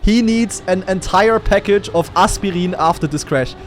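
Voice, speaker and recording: A man casts a live racing esports match. He jokes around with the chat and jumps up in pitch when the action gets close, over a high-pitched everyday voice. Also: moderate pace, a little hiss or hum. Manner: excitable, jokey, rises to shouts on big moments. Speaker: esports commentator.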